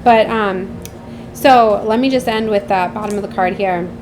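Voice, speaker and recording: Over a noisy background, a tarot reader who runs a spiritual channel chats through an informal reading in a mid-range voice at normal speed. She rambles and trails off, frequently checking on the listener and leaning on tag questions for agreement.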